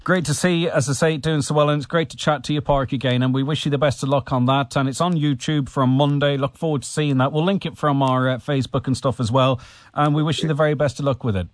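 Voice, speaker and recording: A man's voice: medium pitch, fairly even intonation, fast talker, no room sound, studio quality. A man presenting and interviewing on local radio.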